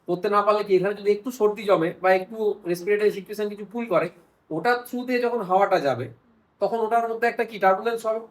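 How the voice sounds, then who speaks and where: A paediatrics teacher at a hospital bedside explains children's medicine in a casual way, posing questions and then answering them himself. His voice sits high, and the recording is low quality.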